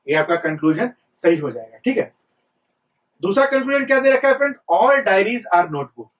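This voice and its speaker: A man's voice: high-pitched, recorded from a distance. A young man teaching an exam-prep reasoning lesson, repeating points and quizzing students with rhetorical questions. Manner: mixes English terms into Hindi speech.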